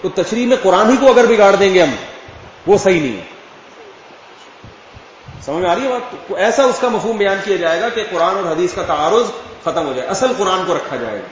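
A man's voice: high voice, animated. A man, an Islamic scholar giving a conversational religious lecture and often asking his listeners whether they follow. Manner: conversational, checks understanding with rhetorical questions. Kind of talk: religious lecture answering questions. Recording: echoey hall, far from dull mic, faint noise.

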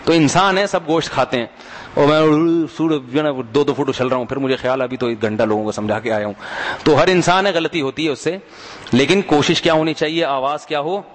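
A man's voice: on the high side, a little fast, long reverb tail. A man giving a sermon in a conversational way, telling humorous anecdotes and often asking his audience to answer back. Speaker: religious preacher.

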